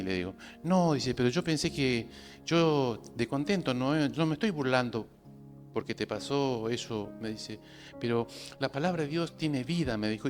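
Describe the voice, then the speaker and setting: Animated Rioplatense man preaching a testimony. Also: medium pitch. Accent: Rioplatense Spanish. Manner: animated storytelling, acts out both sides of dialogue. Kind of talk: sermon testimony. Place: church.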